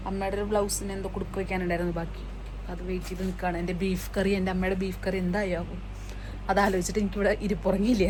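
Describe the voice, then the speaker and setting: Chatty young woman vlogging at speed. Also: lowish voice. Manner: chatty and excitable, addresses viewers as guys. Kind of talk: casual vlog chat. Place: home kitchen. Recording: clear background noise.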